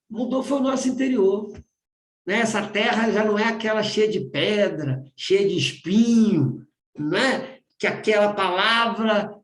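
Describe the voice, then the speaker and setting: A Brazilian man with a fairly high voice leads a spiritual study group over a video call. He talks in a loose, conversational way, repeating phrases and asking "né?" again and again. The sound is roomy and echoey. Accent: Brazilian Portuguese. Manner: keeps asking "né?", repeats himself.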